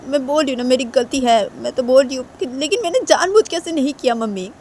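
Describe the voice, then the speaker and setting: A woman's voice: high voice, quick pace, darkish tone, slight background noise, lightly acted. A woman doing a desperate, pleading young woman. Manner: begging, near tears.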